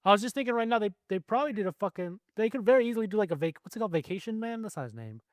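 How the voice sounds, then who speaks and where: A man's voice: high voice, lively intonation, rapid-fire, dry recording, studio quality. A man co-hosting a casual chat, rambling and correcting himself as he goes, with casual swearing. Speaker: podcast co-host.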